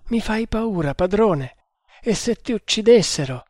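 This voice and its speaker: A man's voice: a little high, animated, measured pace, a little mellow, husky, dry recording, studio quality. A man doing a fearful, loyal servant. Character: loyal anxious male servant, devoted to his master. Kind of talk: audiobook character voice.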